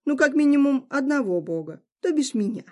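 A woman's voice: high-pitched, animated, brisk, pitched above the performer's own voice. A woman reading the part of a teasing trickster god with a theatrical, mocking delivery. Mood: smug. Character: sly mocking trickster god, male, grown man.

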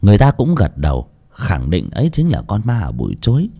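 A man narrating a ghost story with dramatic, lively storytelling. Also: on the low side, fairly quick, breathy edge. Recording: music under the voice.

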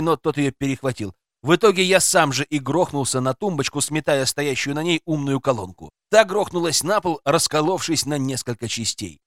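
Male audiobook narrator, first person, lively pitch, somewhat high, dry close mic. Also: dry recording. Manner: first-person storytelling with vivid, tense pacing.

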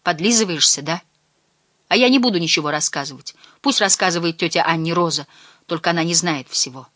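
A woman's voice: fairly low pitch, a little fast, a bit bright, no echo. Woman voicing a sulky ten-year-old boy. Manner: grumbling, guarded, blunt. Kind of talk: audiobook character reading.

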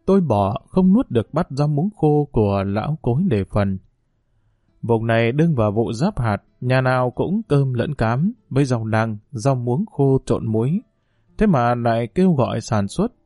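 A man narrating a novel in a steady, unhurried storytelling manner. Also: medium pitch, no echo, studio quality. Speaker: audiobook narrator.

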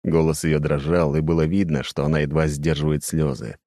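A man narrating a first-person audiobook in a somber, measured way. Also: very deep voice, steady tone, mellow, no room sound, studio quality.

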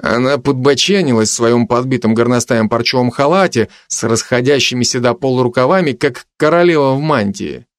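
A man narrating a first-person fantasy audiobook in a measured way, turning stern for commands. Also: mid-range voice, lively intonation, dry recording, studio quality.

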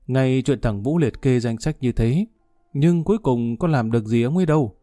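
A man reading a calm older gentleman. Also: medium pitch, moderate pace, dry recording, clean studio sound, soft background music, natural voice. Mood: assured. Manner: reasoned, reassuring.

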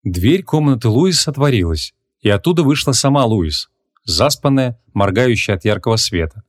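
A man reading a humorous fantasy audiobook as narrator, measured and even. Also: mid-range voice. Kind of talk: scripted narration.

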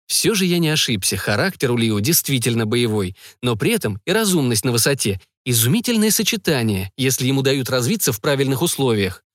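A man's voice: mid-range voice, expressive, fairly quick, few pauses, no room sound, clean studio sound. A man narrating an audiobook in a reflective, wry manner.

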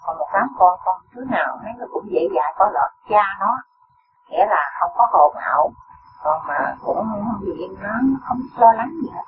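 High-voiced man asking over a noisy line. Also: expressive, moderate pace, distant mic. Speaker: questioner. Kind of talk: asking a teacher for advice. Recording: tinny phone line with noise.

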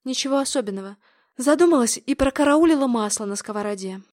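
A woman reading aloud gives a young mother, tense and guarded, her high voice rising sharply whenever fear takes hold. It is an audiobook reading, pitched a little above the usual. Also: expressive, fast talker, darkish tone. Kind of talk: audiobook character voicing.

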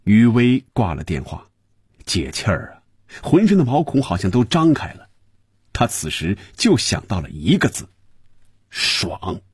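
A man narrating a novel in an expressive storytelling manner. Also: medium pitch, moderate pace, husky, dry recording, studio quality. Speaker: audiobook narrator.

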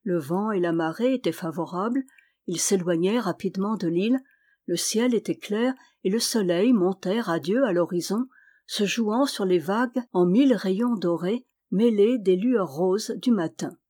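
A woman storyteller reading a fairy tale aloud in a measured, expressive way. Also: mid-range voice.

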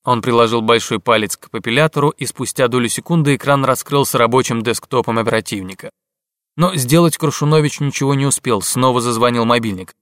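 A man reading a novel aloud as audiobook narrator in a steady, measured way. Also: mid-range voice, no room sound, clean studio sound. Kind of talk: scripted narration.

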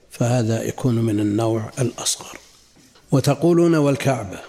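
An older man gives a classical religious lesson with a gravelly, husky voice. His tone is dark and mellow, and he talks in a measured way, repeating key phrases and asking his listeners rhetorical questions. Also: mid-range voice. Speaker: sheikh teaching a book.

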